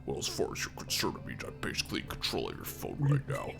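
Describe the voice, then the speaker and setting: A man's voice: huge pitch swings, gravelly, music in the background, exaggerated voice. A man putting on a fake voice-changer voice to play a secretive hacker character while playing a game. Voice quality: mock voice-changer voice, pitched far down. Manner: slow, low, secretive. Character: mysterious hacker speaking through a voice changer. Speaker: gamer reading character dialogue.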